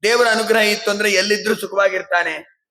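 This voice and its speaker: A man giving a devotional discourse in a slow, measured way, breaking into melodic chanting of verses and hymns. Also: high-pitched, steady tone, pushed and bright, reverberant, poor audio. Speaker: Bhagavata discourse speaker.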